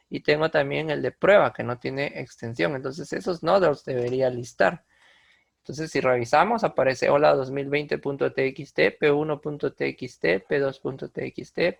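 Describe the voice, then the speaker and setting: A man's voice: fairly high pitch, vocal fry. A man explaining computer commands step by step in a screen-recorded tutorial, with frequent fillers and restarts. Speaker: instructor.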